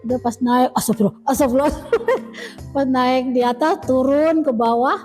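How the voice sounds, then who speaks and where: A woman's voice: sits high, unhurried, a little mellow, soft background music. A woman sharing family memories in a casual, chatty way, often laughing as she tells stories. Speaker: family member remembering the late cleric. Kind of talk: casual reminiscing interview.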